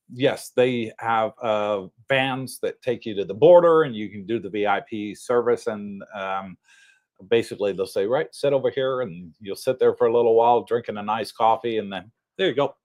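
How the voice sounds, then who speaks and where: A man around sixty co-hosting a casual livestream, talking in a relaxed, rambling way with frequent chuckles. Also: on the low side. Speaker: livestream co-host.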